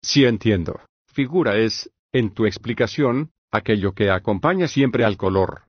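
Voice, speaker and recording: A man's voice: fairly low pitch, expressive, unhurried, breathy edge, no echo, lo-fi sound. A male reader voicing Menón, a young disciple who gives short, plain replies in a scripted audiobook. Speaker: dialogue character in an audiobook.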